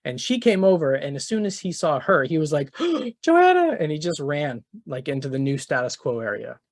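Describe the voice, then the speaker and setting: A man's voice: on the high side, brisk, no echo. A middle-aged man giving a conference keynote, telling a story in a casual, conversational way with many fillers and restarts. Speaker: keynote speaker. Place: conference venue.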